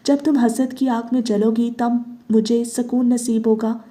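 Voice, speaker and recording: Woman reading a calm, cruel avenging man, mellow dark tone. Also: a little high, natural voice. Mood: cold menace. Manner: cold, measured, cruel. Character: cold vengeful husband, grown man.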